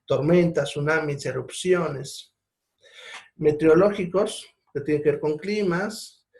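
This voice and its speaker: A man's voice: a little high, slow pace, darkish tone. A man teaching a seminar on triage, explaining step by step and often checking in with his listeners. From Bolivia. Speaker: seminar instructor. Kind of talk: lecture on triage.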